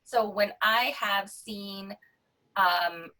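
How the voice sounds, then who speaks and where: A woman's voice: mid-range voice, drawn-out words, sharp tone, far from the mic, rough recording. A woman on a video call speaking firmly and directly as a parent panelist. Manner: firm and direct. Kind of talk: virtual panel discussion.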